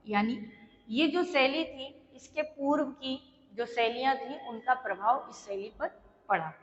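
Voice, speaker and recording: A woman teacher giving a slow, repetitive exam-prep lecture, pausing often to check that her students are following. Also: high voice, big-room sound, dull audio.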